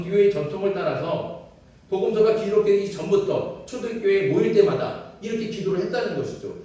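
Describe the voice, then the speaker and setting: Male pastor, fairly high voice, preaching from a distance in a very echoey church sanctuary. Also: dark tone. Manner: asks the congregation questions and answers them himself. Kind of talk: expository sermon.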